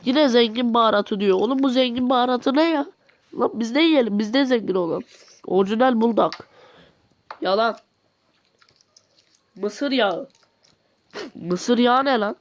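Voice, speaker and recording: A man's voice: very high voice, measured pace, pauses often, dry recording. A man giving a comic voice-over commentary, joking and mock-exasperated as he talks to himself. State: nauseous near the end. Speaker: video commentator.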